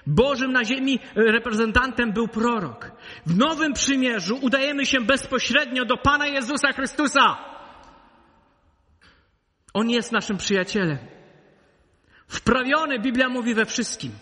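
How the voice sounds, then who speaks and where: High, bright-voiced preacher in a reverberant hall. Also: male voice, a little slow, long pauses. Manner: emphatic preaching that swings between loud peaks and low intimate asides. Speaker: pastor. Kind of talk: sermon.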